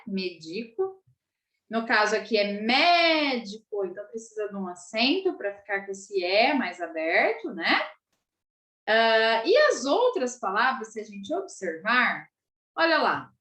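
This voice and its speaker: A woman's voice: a little high, bright, forceful tone. A Brazilian woman teacher giving a patient video lesson for children, checking in with frequent tag questions and sounding out syllables. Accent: Brazilian Portuguese. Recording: echoey room.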